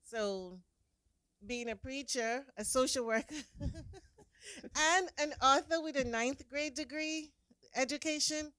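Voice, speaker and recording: A woman with a Jamaican accent, speaking earnestly as an interview guest and trailing off softly at the ends of her phrases. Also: high voice, slow pace, pauses often, no echo. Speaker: guest, author and preacher. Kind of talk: casual interview.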